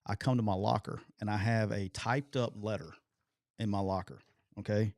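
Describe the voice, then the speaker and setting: A man, telling a long, animated and profane story as a podcast co-host. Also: on the low side, normal speed, no echo, clean studio sound. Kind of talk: casual storytelling chat.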